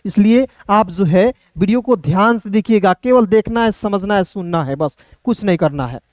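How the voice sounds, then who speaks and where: A man's voice: high-pitched, moderate pace, no room sound. Male online teacher, patient drill style, spells letters then answers his own questions, dry close sound. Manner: keeps addressing viewers as friends. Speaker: English teacher. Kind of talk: online classroom lesson.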